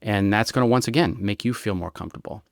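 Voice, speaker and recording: A man, a retired American federal agent, explaining his methods in an interview with lively examples and frequent "right?" checks. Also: on the low side, quick pace, gravelly, no echo, clean studio sound. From United States. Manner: animated storyteller, explains with examples and rhetorical "right?". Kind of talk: conversational explanation.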